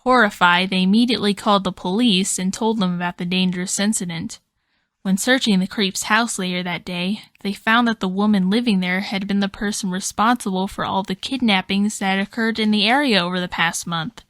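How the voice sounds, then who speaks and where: A woman narrating a storybook tale in an expressive, dramatic way. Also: medium pitch, fairly quick, no room sound.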